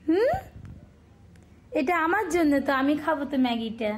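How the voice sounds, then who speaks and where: A woman's voice: high voice, very animated, normal speed, a little hiss or hum. A woman filming and playfully teasing her young son in casual chat, coaxing in a sing-song way.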